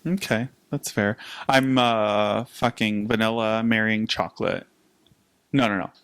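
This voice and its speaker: A man's voice: lowish voice, clear, resonant tone, dry recording. A young man co-hosting a podcast, chatting casually and laughing often. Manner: chatty, animated, quick to laugh. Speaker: podcast co-host. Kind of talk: casual chat.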